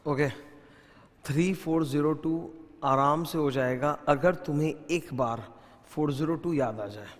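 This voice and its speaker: A man's voice: fairly high pitch, unhurried, in a large hall. A man teaching an audit revision lecture, mixing Hindi and English and quizzing students as he goes, with an Indian English accent.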